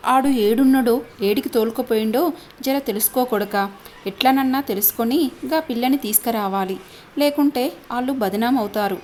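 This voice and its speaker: A woman voicing a loud, lamenting middle-aged village mother. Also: moderate pace, slight background noise, close to an everyday voice. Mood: wailing. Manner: shrill, lamenting.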